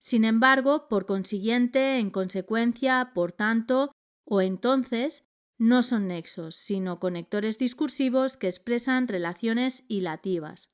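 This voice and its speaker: A woman reading a scripted grammar lesson in a measured, clear delivery. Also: on the high side. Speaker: grammar teacher.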